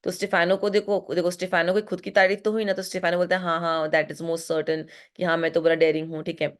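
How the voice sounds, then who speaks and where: An Indian woman teaching literature, mixing Hindi and English as she goes through a play line by line and slowing to read the quoted lines aloud. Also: lowish voice, little pitch movement. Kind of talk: line-by-line text explanation.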